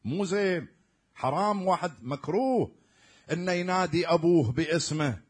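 A man's voice: a little high, lively intonation, moderate pace, breathy edge. A man preaching a sermon in an Iraqi Arabic accent, stressing words hard and then dropping almost to a murmur. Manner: emphatic, swinging from loud stresses to near-murmurs.

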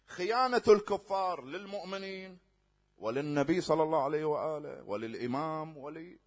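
A man with a slightly high, husky voice delivers a sermon in everyday speech. He punches key words loudly and then drops to low, hushed asides. He stretches out scripture in a slow, measured cadence and often turns to ask his listeners whether they follow. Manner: emphatic, swinging between loud rising stresses and quiet low asides; slow drawn-out recitation of scripture. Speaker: preacher. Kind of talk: colloquial religious sermon.

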